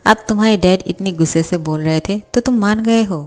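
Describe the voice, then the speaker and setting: A woman voicing a doting parent figure who coaxes and gently reproaches her son. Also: medium pitch, fairly quick, soft background music, natural voice. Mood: coaxing. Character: caring, doting parent figure called mom.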